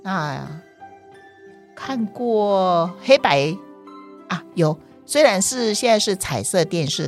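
A mature woman with a Taiwanese accent tells a bedtime story to young children, speaking as if reading to a toddler, expressively and with little questions for them. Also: lowish voice. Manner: expressive, with exclamations and sentence-final particles.

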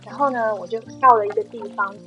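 A woman's voice: mid-range voice, quick pace, lo-fi sound, faint music behind. A woman guest on a talk podcast, telling a personal spiritual story in an earnest, emotional way. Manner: earnest, emotional storytelling with soft-spoken quoted dialogue.

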